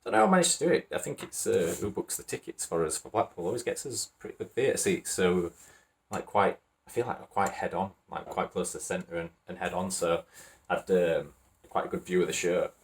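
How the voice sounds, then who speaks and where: This is a man with a broad Wakefield accent hosting a reaction video. His voice sits low, and he rambles in a relaxed, chatty way. He breaks into easy chuckles as he goes. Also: a little fast, gravelly. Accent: Wakefield, Yorkshire. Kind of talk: casual reaction commentary.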